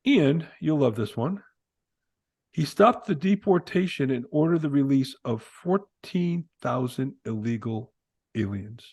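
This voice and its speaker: A man co-hosting a casual political podcast, animated and joking as he reads old quotes aloud. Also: mid-range voice, a little slow, no echo. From Italian-American. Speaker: podcast co-host. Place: Arizona.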